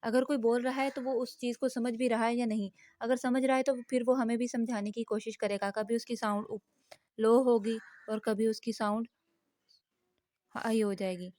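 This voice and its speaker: A woman teaching a linguistics lesson, patiently explaining each point and slowly reading out English examples. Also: fairly high pitch, steady tone, dark tone, dry recording.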